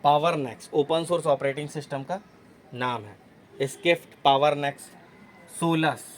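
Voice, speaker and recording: A man teaching an exam-prep lesson in a fairly high voice, walking through each point slowly and repeating himself. He keeps checking in with his students as he goes. A faint hiss sits under the recording. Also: low-quality recording. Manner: explains step by step, often repeating and checking with "okay".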